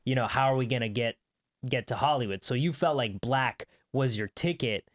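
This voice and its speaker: A young adult man from Canada hosts a casual interview podcast. He speaks at a mid pitch in an easygoing, conversational way, stacking up long questions for his guests. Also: normal speed. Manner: relaxed, conversational, asks long winding questions. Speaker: podcast host.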